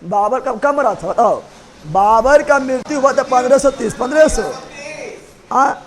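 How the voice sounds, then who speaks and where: A man's voice: very high-pitched, moderate pace. A man teaching history to a class, repeating points, quizzing students and joking with rhymes. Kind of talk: classroom lecture with mnemonics.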